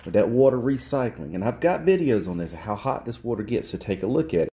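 A man demonstrates a repair on camera in his cluttered workshop, lecturing bluntly and repeating himself for emphasis. The technician speaks briskly in a warm, mid-range voice with lively intonation, recorded on a handheld phone camera close to the work.

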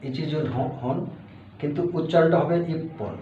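A man's voice: mid-range voice, unhurried. A man teaching a language lesson, patiently repeating each word and explaining step by step. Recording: roomy, distant, dull lo-fi audio with faint hiss.

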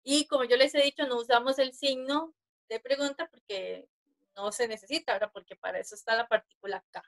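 A woman's voice: on the high side, brisk, creaky. A woman teaching a class over a video call, patiently counting strokes aloud and often checking in with her listeners. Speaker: Japanese teacher. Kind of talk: online class explanation.

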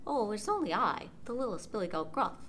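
A woman's voice: medium pitch, sing-song, fairly quick, fairly bright tone, slight background noise, pitched above the performer's own voice. A woman voicing the littlest billy goat, a small young male goat with a small, pleading voice in a storybook.

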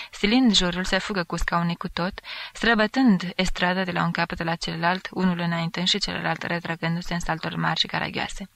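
An audiobook narrator reading a classic novel aloud in a steady literary reading style, now and then lifting the voice to act out shouted lines. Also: medium pitch, no room sound. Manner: acts out quoted shouts with a raised voice.

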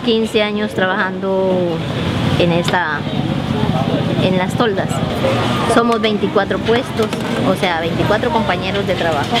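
A middle-aged woman from Colombia, a food stall cook, speaking plainly in an outdoor documentary interview. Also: mid-range voice. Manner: plain, unhurried, with small restarts. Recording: outdoor street noise behind.

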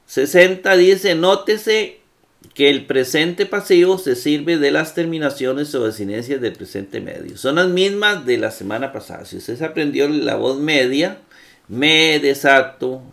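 A man's voice: fairly high pitch, lively intonation, vocal fry, fairly bright tone. A man teaching Greek grammar in a classroom lecture, patient and full of fillers. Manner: slow, patient, with many fillers and checks.

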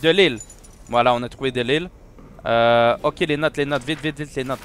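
A young man with a Quebec French accent, giving excitable commentary while playing a horror game and bantering with the monster. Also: mid-range voice, brisk, clean tone. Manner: excitable, shouts and jokes at the monster. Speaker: let's play gamer.

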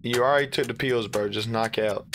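A man's voice: medium pitch, fairly even intonation, a little fast, over music. A man hosting a gaming video, giving casual, slangy, incredulous commentary as he plays. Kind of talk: casual let's play commentary.

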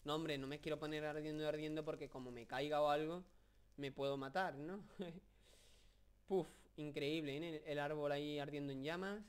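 A young Spaniard with a Spain Spanish accent and a fairly high, smooth, clear voice gives casual commentary over his video game. Joking and rambling, he keeps filling gaps with fillers and gets excited over what appears on screen.

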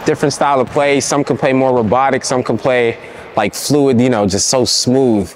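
A relaxed man from Long Island talks casually about basketball in an interview. He speaks at a mid pitch and laughs easily. Faint city sound sits behind him outdoors. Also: moderate pace, a little hiss or hum. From Long Island, New York.

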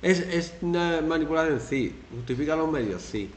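A man from Spain teaching a classroom lesson, animated and acting out quoted phrases in mocking voices. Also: on the high side, normal speed, echoey room, slight background noise.

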